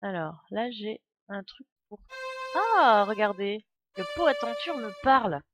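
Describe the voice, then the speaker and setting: This game streamer's mid-range voice is expressive and a bit bright, moving at a measured pace with no room sound. Though she has a cold, she thinks aloud through her live game commentary, chatting casually with viewers between moments. Game music hums faintly underneath.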